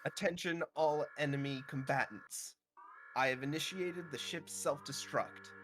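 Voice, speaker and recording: A man in a tabletop game reading out a formal, measured warning over a shipwide comms radio. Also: fairly high pitch, over music, low-quality recording. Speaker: player. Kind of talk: in-character announcement in a tabletop game.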